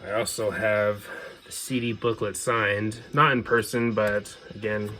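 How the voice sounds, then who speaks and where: In an unhurried, fairly even delivery, a man with a lowish, sharp-toned voice walks through his music collection. His talk is casual and opinionated, fan to fan. A little hiss or hum sits under the recording.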